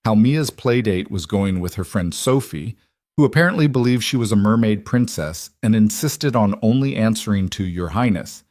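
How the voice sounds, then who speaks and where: A man narrating a scripted story in an even, measured way. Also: on the low side, dry recording, studio quality.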